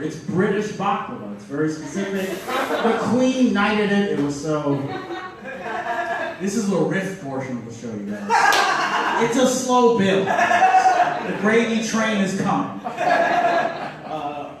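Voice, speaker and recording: A man's voice: sits high, far from the mic, heavy background noise. A man doing a stand-up comedy set on a club stage, riffing loosely and making fun of himself. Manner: riffing, loose and self-mocking. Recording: echoey room, voice from afar.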